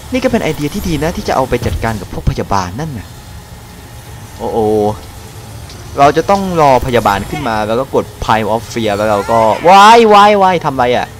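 Excitable man with a lively voice. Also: medium pitch. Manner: excitable, shouts and laughs often. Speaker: gaming YouTuber. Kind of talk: excited let's-play commentary.

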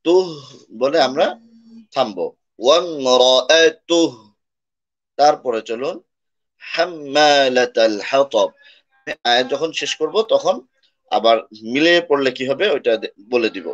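Male tutor, mid-pitched, patient, explains pronunciation, then chants syllables slowly; dull lo-fi recording. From Bangladesh. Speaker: Quran recitation teacher. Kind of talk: Quran pronunciation lesson. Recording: slightly dull lo-fi audio.

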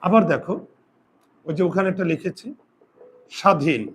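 A fairly high-voiced male teacher conducts a grammar lesson in class, posing questions to his students and then answering them himself. When a rule comes up, he slows right down and dictates it deliberately so they can write it down.

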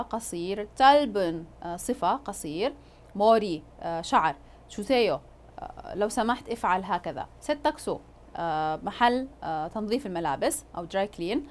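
A woman teaching a language lesson, explaining words patiently and pausing often with drawn-out fillers. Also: medium pitch, lively intonation.

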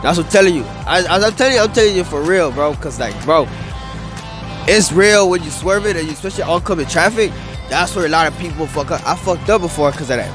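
His voice sits on the high side, with lively intonation and a quick pace. The young adult wheelie rider is interviewed casually on an open field by a city skyline, rambling in slang packed with "bro" and "dude" into a handheld mic held by the interviewer, music playing underneath.

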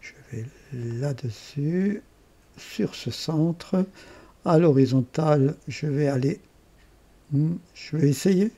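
Alsatian man, tutorial host, fairly high voice, rough husky tone, chatty self-correcting asides. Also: takes it slowly, mellow. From Alsace. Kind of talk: screen-recorded software tutorial.

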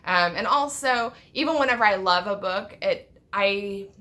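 Woman in her thirties, bright voice, rambling, self-correcting, home vlog. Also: medium pitch, normal speed. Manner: thoughtful, rambling, restarts often. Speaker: book vlogger. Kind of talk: unscripted book tag vlog. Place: home room with packed bookshelves.

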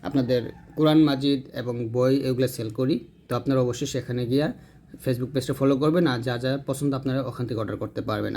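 A man teaching Quran reading, slowly spelling out each letter sound in a patient, repetitive drill. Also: mid-range voice, darkish tone. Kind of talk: slow drilled letter-by-letter recitation lesson.

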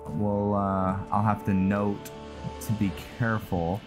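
A man with a lowish voice commentates slowly and flatly on a let's play as game music plays. He thinks aloud in a laid-back way, now and then exclaiming mildly.

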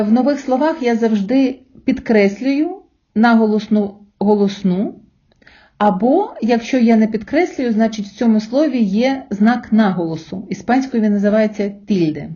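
A woman's voice: a little high, warm tone. Patient woman teaching, dull lo-fi sound. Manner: slow, patient explaining with pauses for repetition. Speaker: Spanish teacher. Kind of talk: recorded language lesson.

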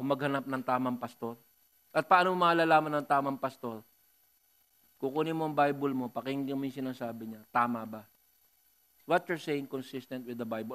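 Emphatic Filipino pastor preaching. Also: male voice, medium pitch. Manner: emphatic, rising to loud bursts, joking asides. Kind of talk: Taglish sermon.

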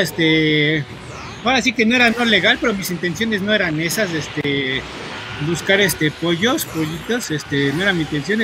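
A man from Mexico with a Mexican accent, chatting to viewers while he plays, rambling, filling every pause with "este" and swearing at the game in bursts. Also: on the high side, noisy background. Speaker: gaming streamer. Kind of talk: casual gameplay commentary to viewers. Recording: loud game music under the voice. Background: game music.

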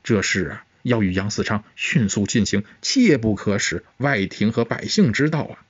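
A man reading a comic-book story voices a stern, anxious emperor who speaks low, slow and gravely. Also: no room sound. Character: stern, anxious male emperor, middle-aged. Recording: dull, muffled sound.

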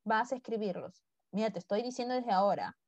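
A woman's voice: mid-range voice, a little fast, a little mellow, no room sound. A woman teaching English to a class online, speaking mostly Spanish and coaxing her students to repeat words after her. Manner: coaxing, drills pronunciation by repeating.

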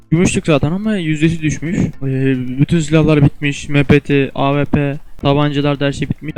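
An excitable young man talks through a competitive shooter match with a fairly high, smooth and clear voice. He swears freely, trash-talks teammates and enemies, and breaks into sudden shouts in tense moments. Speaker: gamer and video host. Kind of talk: casual gameplay commentary.

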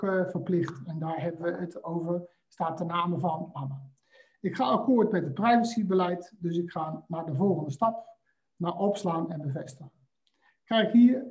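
A man presenting a screen-share software walkthrough, talking hesitantly with frequent filler sounds. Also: high voice. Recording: slightly dull lo-fi audio.

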